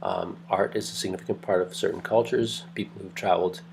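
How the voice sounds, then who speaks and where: A man's voice: deep voice, fairly even intonation, a little fast, creaky, slight background noise. A man giving a recorded anthropology lecture from home late at night, keeping his voice down, chatty and rambling, with lots of ums and restarts. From Greece heritage. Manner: rambling, conversational, many fillers and restarts; kept quiet, late at night.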